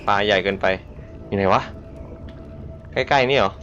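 A man's voice: lowish voice, moderate pace, fairly bright tone. Tense, muttering male gamer, lo-fi mic. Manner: tense whispery muttering, sudden startled yelps. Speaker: gameplay streamer. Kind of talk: live reactions while playing a horror game. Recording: dull lo-fi sound with faint hiss.

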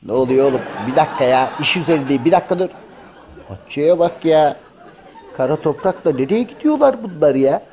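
Man dubbing a talking house cat, high-pitched, cheeky, exclamation-heavy, comic pet video. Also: animated, fairly quick, lo-fi sound, a crowd in the background, close to an everyday voice. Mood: grumbling. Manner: colloquial, joking, full of exclamations. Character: chatty male house cat, cheeky and grumbling.

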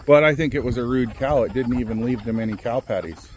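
A man hosts a farm vlog outdoors on a ranch among chickens and cows, chatting casually while doing chores. He's relaxed and rambling, with lots of fillers. His medium-pitched voice is fast, with slight background noise.

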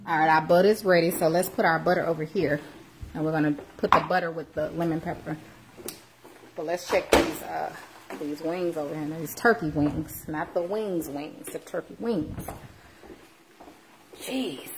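A woman's voice: fairly low pitch, moderate pace, heavy background noise. A woman in her thirties hosting a live home cooking stream from her kitchen, chatting playfully with viewers and throwing in churchy exclamations. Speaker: home cooking show host. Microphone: phone camera, moving between close and across the kitchen.

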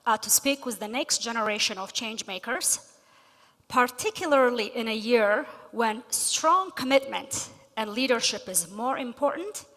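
A middle-aged woman from Ethiopia delivering a prepared speech on stage, measured with emphasis on key words. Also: a little high, sharp tone. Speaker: guest speaker. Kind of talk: prepared speech read from notes. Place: large convention hall stage. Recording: long reverb of a big hall.

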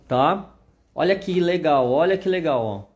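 A man's voice: fairly high pitch, lively intonation, measured pace, dull audio. A man with a Brazilian Portuguese accent giving a chatty live sewing machine demonstration, constantly pointing things out to viewers.

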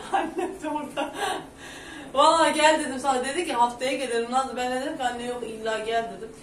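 Loud chatty woman vlogging at home. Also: high voice, fairly even intonation, fast, a little hiss or hum. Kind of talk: casual chat to camera. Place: home, indoors. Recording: echoey room.

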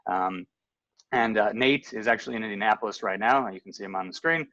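A man in his thirties with a lowish voice introduces panelists over a video call, relaxed and full of ums and restarts. The sound is dry and a little dull, as from a webcam in a home room. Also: a little fast, dry recording. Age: 30s. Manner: relaxed, many fillers and restarts. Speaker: panel moderator. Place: home room with framed photos on the wall. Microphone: video call webcam, earbud.

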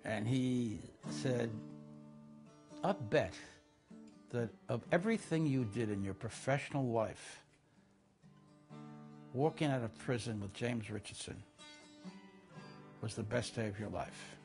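An older man, a lawyer, telling stories from his career in a documentary interview, measured and reflective. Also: medium pitch, a little mellow, faint music behind. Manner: measured, reflective, acts out quoted voices. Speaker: interviewee, lawyer recalling cases.

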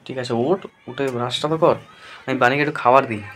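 A man's voice: mid-range voice, fast talker, fairly bright tone. Chatty man vlogging village home life. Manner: coaxing, chatty, narrating chores to camera. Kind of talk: casual home vlog. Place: rural home, indoors and outdoors.

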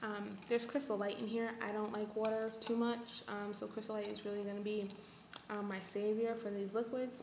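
A woman's voice: medium pitch, level tone. Young woman vlogging in an echoey room. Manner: halting, thinking aloud. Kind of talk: casual update to camera. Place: small bare room at home. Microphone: webcam or laptop at arm's length. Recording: echoey room, faint background hiss.

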